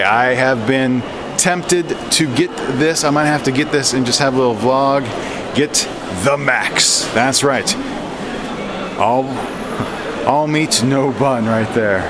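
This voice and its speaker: Loud urban and station noise surrounds a man with a mid-pitched voice. He narrates a walking tour casually as a travel vlogger, chatting along and pointing things out into a handheld action camera. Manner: chatty running commentary, pointing things out as he walks. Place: walking through a busy train station and its surroundings. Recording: clear outdoor station and street noise.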